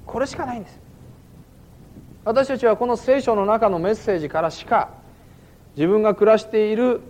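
A man's voice: sits high, moderate pace, a little mellow. A man giving a sermon as a pastor, conversational and dotted with fillers, in a church hall. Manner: conversational preaching with frequent "ano" fillers.

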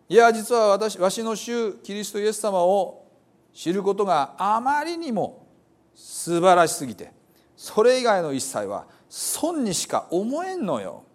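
Fervent apostle in broad Hiroshima dialect, read by a male pastor, raised and loud, lively pitch. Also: exaggerated voice. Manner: earnest and emphatic, reading scripture aloud. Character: the apostle Paul, zealous male preacher, fervent.

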